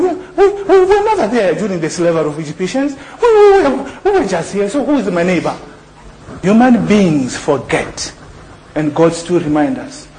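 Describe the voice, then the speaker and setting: A man's voice: high voice, a little mellow, poor audio. A middle-aged man from Zambia preaching a sermon in a church, often asking the congregation to finish his sentences. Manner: call-and-response questions to the congregation. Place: church hall. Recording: archived church recording with faint noise.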